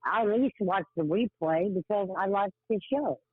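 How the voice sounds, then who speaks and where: A woman's voice: mid-range voice, lively intonation, normal speed, breathy edge, no room sound. A middle-aged or older woman from West Virginia with an Appalachian twang and a slightly slurred-sounding drawl, chatting emphatically as a caller to a show. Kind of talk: casual phone chat. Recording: tinny, narrow phone-line sound.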